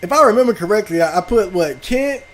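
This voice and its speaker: A man streaming a video game with loud, profane, reactive outbursts and casual chat. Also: high voice, lively intonation, fast. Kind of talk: casual gaming stream commentary.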